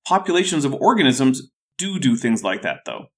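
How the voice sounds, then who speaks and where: A man's voice: medium pitch, sing-song, moderate pace. A man with a thick, sore-throated voice hosting a scripted rebuttal video in a dry, skeptical way. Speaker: YouTube host.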